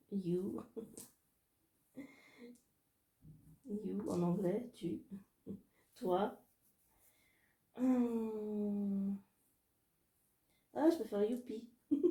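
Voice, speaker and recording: Soft-spoken hesitant woman from France, slow gravelly delivery, echoey room; casual solo chat. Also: mid-range voice. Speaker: illustrator doing card and dice draws. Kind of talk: casual solo video, thinking aloud.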